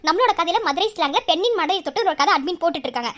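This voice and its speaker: A woman's voice: very high-pitched, expressive, racing, fairly bright tone. A woman voicing a bold, self-assured young wife who teases her husband and jokes about hitting him in a cartoon. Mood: teasing. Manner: teasing, self-assured, threatening in jest. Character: bold, confident young wife with a sharp tongue. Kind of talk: cartoon voice acting.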